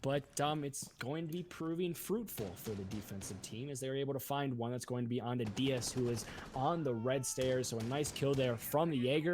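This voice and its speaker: A man's voice: mid-range voice, noisy background. A man giving esports commentary as an analyst caster, explaining play in an emphatic way.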